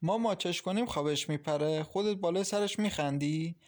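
A man's voice: fairly high pitch, darkish tone, voice pushed up, lightly acted. A man reading an audiobook, voicing a bold, earnest young woman who is about to be engaged and jokes with her sister. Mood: playful. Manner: earnest, playful. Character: bold young woman, bride-to-be, anxious but playful. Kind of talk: audiobook character voice.

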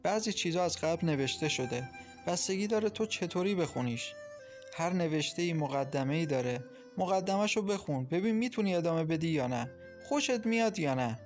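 A male narrator lifting his voice into a gentle young mother, pitched a little high and speaking softly. She reassures and teases with easy warmth, as a character in an audiobook. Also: lively intonation, soft background music, lightly acted. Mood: soothing. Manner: soft, reassuring, teasing. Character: gentle young woman, calm loving new mother.

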